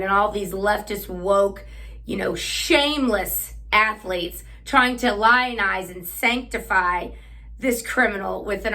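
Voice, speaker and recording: A woman's voice: medium pitch, bright, forceful tone. A woman hosting a political commentary monologue, talking in a sarcastic, combative way. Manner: sarcastic, combative, with frequent fillers and restarts. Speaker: host.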